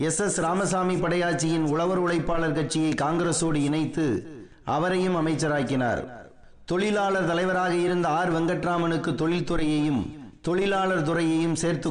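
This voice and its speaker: A man with a slightly high voice narrates political history from a script. He serves as the reader of a written column. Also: roomy sound.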